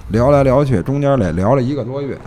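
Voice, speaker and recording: A man's voice: medium pitch, expressive, quick pace, warm tone. A man with a Beijing accent tells a story casually in conversation, in colloquial language, repeating phrases and checking that listeners follow. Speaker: guest recounting police investigations.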